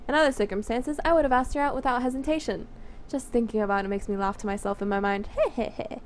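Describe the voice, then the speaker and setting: A woman of nineteen, quick-paced and a little high-voiced, narrates a visual novel script for a let's play. She giggles, chats, and gets distracted easily, all on a noisy home recording.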